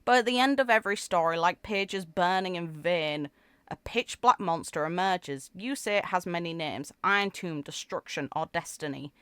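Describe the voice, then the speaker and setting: Reading game lore with feeling and tossing in offhand remarks, this female gaming creator has a fairly low, slightly bright, clean voice at a moderate pace. The recording is dry, and music runs beneath her.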